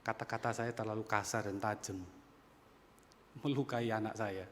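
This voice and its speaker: Pastor in his 50s, sermon in a reverberant church; bright, forceful delivery with sudden loud peaks. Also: on the low side, steady tone, moderate pace, a little hiss or hum. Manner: storytelling, swings from quiet asides to loud emphatic peaks. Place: church sanctuary.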